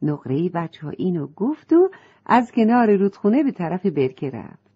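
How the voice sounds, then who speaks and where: A woman narrating a children's story in a gentle storytelling manner. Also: on the low side, very animated, slightly rough, lo-fi sound.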